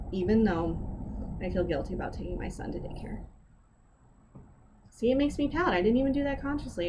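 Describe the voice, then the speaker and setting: A woman wellness instructor leading a guided breathing lesson, candid and gently encouraging, with self-deprecating asides. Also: on the low side, noisy background.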